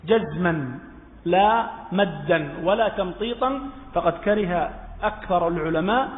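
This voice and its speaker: A man from Yemen giving a religious law lesson. He asks questions and answers them himself, and repeats his key points. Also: sits high. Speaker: religious teacher. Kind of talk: Islamic jurisprudence lesson. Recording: echoey hall over a phone-like line.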